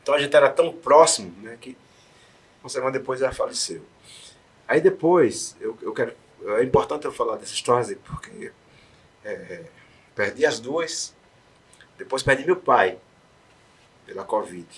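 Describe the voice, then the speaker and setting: This interview guest, a man with a mid-range, expressive voice and a breathy edge, tells an emotional story about himself with real feeling. He's unhurried and takes long pauses, shifting between hushed and loud, encouraging tones.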